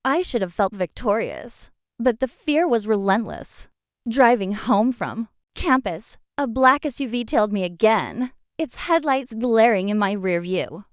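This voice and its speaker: A woman narrating a dramatic first-person revenge story in an expressive storytelling manner. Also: a little high, a little slow, no echo, studio quality.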